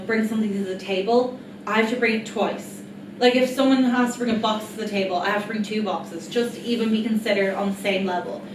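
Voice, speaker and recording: A woman giving a rehearsed reading of an autobiographical stage monologue, speaking earnestly and reflectively, straight to her audience. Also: mid-range voice. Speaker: writer-performer of an autobiographical solo play. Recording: echoey, distant mic, noisy room.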